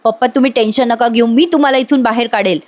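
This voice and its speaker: A woman's voice: a little high, steady tone, fast talker, darkish tone, close to an everyday voice. An emotional young man swearing vengeance for his jailed father, as a woman voices him in a serial recap. He sounds earnest and fired up. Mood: vowing. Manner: emotional, vowing.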